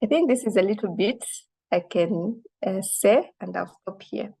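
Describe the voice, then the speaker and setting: A woman on an online panel, speaking in a measured way with many pauses and fillers. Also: medium pitch, vocal fry, warm tone, slightly rough, dry recording. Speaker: panelist from a seed and research organization.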